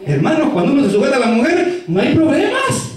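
A man's voice: very high-pitched, huge pitch swings, quick pace. A male pastor preaching a fervent sermon, calling out to the congregation again and again. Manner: fervent, repeatedly calling out "hermano". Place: church. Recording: echoey church from far off.

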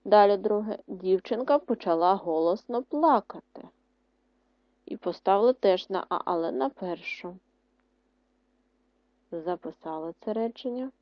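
A woman teacher giving a primary school language lesson, dictating words slowly and clearly with strong stress on syllables. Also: mid-range voice, no room sound. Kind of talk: online lesson explanation. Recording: dry, dull lo-fi sound.

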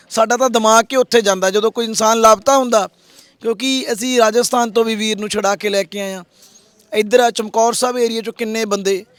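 A man's voice: high voice, no room sound. A man, a social worker making an earnest, pleading appeal to viewers. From Punjab, India. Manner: earnest, pleading, repeats please.

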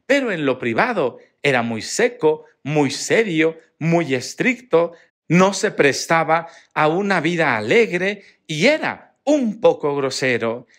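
Priest from mexico reading scripture then preaching, slow and drawn out, voice swings up and down a lot, acts out the people in the story. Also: male voice, fairly high pitch, sing-song, fairly bright tone. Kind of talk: Mass readings and homily.

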